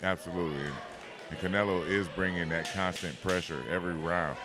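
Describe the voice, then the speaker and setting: A man with an American accent doing live boxing commentary, enthusiastic and quick to agree. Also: sits low, fairly even intonation. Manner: enthusiastic, agreeable, repeats 'absolutely'.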